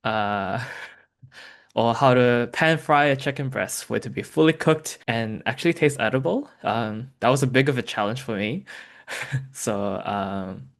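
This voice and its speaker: A man's voice: mid-range voice, a little slow. A man from Malaysia, a therapist, telling his story in a candid interview with an easygoing manner. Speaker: therapist sharing his experience.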